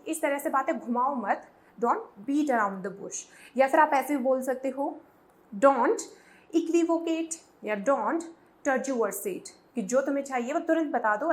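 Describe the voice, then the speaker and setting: A woman teaching English idioms to Hindi speakers, mixing Hindi and English and patiently spelling words out letter by letter. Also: sits high. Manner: switches between Hindi and English. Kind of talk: Hindi-English language lesson.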